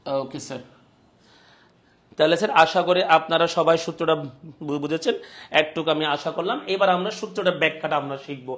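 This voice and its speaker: Teaching a live online class, a man with a Bangladeshi accent speaks fairly quickly in a slightly high, somewhat bright voice, pausing often. He repeats his points and frequently checks that his students keep up.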